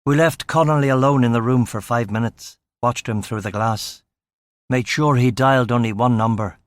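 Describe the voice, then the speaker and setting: A man's voice: mid-range voice, normal speed, no room sound. A man reading a crime novel aloud in clipped, understated first-person narration. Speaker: audiobook narrator. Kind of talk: scripted narration.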